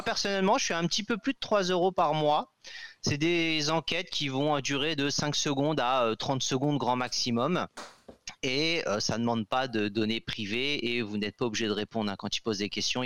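A man's voice: mid-range voice, fairly bright tone, dry recording. A man co-hosting a casual tech podcast, explaining a tip with hesitant fillers. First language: French. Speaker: podcast co-host.

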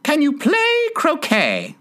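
A man voicing a tyrannical queen who screams her orders in a shrill, furious voice. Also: wildly swooping pitch, a little slow, exaggerated voice. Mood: shouting orders.

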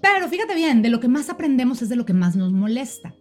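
A woman coaching her audience on a live stream, with a rather high voice and faint music playing behind her. She talks emphatically and preaches, firing off rhetorical questions at the listener. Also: big pitch swings, fast talker. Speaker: life coach.

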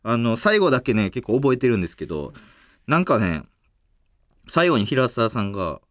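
A man's voice: medium pitch, sing-song, no echo, studio quality. A young man with a Kansai accent hosting a podcast, chatting casually and laughing often. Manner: chatty, quick to laugh, jokey. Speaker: podcast host. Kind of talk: casual chat.

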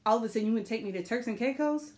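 A woman's voice: fairly high pitch, racing, darkish tone. A woman co-hosting a podcast in casual chat, giving her opinion emphatically. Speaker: podcast co-host.

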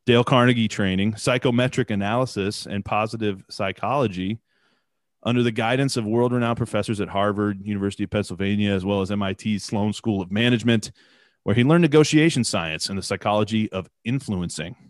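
A man's voice: fairly low pitch, brisk, no room sound, clean studio sound. Man with a radio announcer voice. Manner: upbeat, polished introductions. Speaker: podcast host. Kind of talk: podcast interview.

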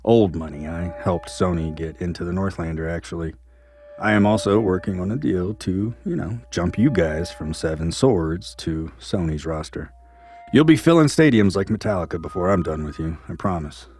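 A man's voice: sits low, lively intonation, moderate pace, a little mellow, soft background music. A man voicing a boastful male driver who brags about money and connections, stumbling over fillers. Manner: bragging, fumbling with fillers.

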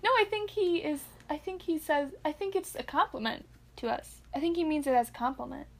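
Woman cohost rambling thru a movie recap, kinda high, gravelly fry, giggly, lots of ums. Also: a little fast. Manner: giggly, rambling, many fillers and restarts. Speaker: podcast co-host. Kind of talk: casual chat recapping a movie.

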